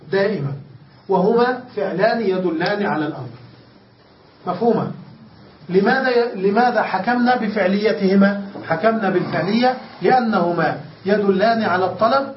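Male grammar teacher, high voice, patient step-by-step explainer who stretches key words; distant, dull lo-fi mic in a roomy space. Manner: explains step by step, often checks understanding with the class. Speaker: sheikh teaching Arabic grammar. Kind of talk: classroom grammar lesson. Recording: distant, echoey, dull lo-fi room recording with faint hiss.

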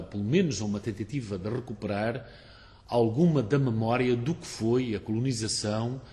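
A man's voice: mid-range voice, darkish tone. A male radio host with a mid-range voice. He prompts his guest and often completes the guest's sentences. A long reverb trails his voice. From Portugal. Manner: finishes the guest's sentences, frequent backchannel. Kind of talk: radio interview.

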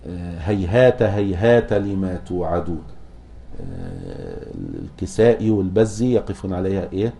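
A man teaching a class on Quran recitation, asking students questions, chanting verses slowly and restarting words as he explains. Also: low voice, very animated, creaky, dark tone, a little hiss or hum. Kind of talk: classroom lecture explaining a poem.

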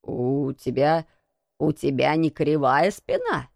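A woman voicing a gruff old male Yorkshire gardener who speaks in a shaky, muttering way. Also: fairly low pitch, animated, measured pace, a bit bright, dry recording, clean studio sound. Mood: shaken. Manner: trembling, muttering.

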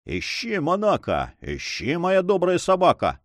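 Guy voicing an eager buccaneer, higher voice, shouting out, keyed up. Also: huge pitch swings, unhurried, no room sound, exaggerated voice. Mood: urging. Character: excitable male buccaneer tracker with a dog.

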